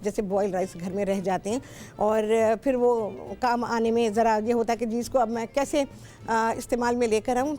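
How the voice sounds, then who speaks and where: High-voiced chatty Pakistani cooking host. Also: female voice, mellow. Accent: Pakistani Urdu. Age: middle-aged. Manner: talkative, instructive, repeats herself often. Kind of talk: chatty cooking show talk with callers. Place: television studio.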